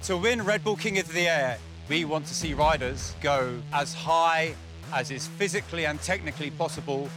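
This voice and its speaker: A man with a fairly high voice lays out how the competition is scored in a calm, measured way. Loud music plays under his explanation. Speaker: contest judge explaining the rules. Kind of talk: explanatory interview.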